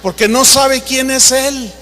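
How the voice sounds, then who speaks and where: An emphatic preacher acts out anecdotes during his sermon, his voice extremely high, slow, pushed and bright. The pastor is recorded in a reverberant hall, with a little hiss or hum present.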